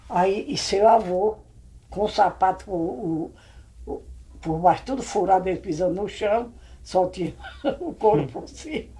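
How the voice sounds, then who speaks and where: A woman's voice: mid-range voice, normal speed, mellow, poor audio. Older Brazilian woman spinning family tales. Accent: Brazilian Portuguese. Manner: rambling, vivid, re-enacts scenes with exclamations. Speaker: family elder recalling old times. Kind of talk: casual oral storytelling.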